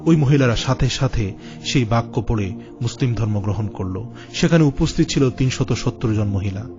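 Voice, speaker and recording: A man's voice: medium pitch, expressive, normal speed, lo-fi sound. A man telling a religious story in an earnest, devotional narration. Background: music.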